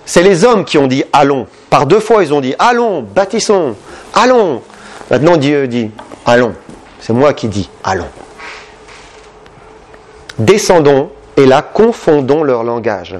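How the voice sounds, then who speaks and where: Impassioned preacher man with lively pitch. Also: unhurried, pauses often. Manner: impassioned, questioning the listeners, big pitch swings. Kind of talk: sermon.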